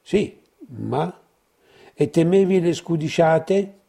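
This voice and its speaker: A man's voice: on the high side, animated, slow pace, vocal fry, dark tone, breathy edge, voice pushed up, exaggerated voice. A man voicing a male painter friend who asks puzzled questions. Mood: questioning.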